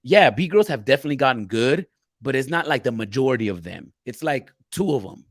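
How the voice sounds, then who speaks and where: A man co-hosting a loose live-stream chat at a middle pitch, with dry, close sound. He speaks bluntly and swears casually, reading out viewer questions and riffing on them. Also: sing-song, brisk, no room sound. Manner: loose, profane, reads chat questions aloud. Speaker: podcast co-host.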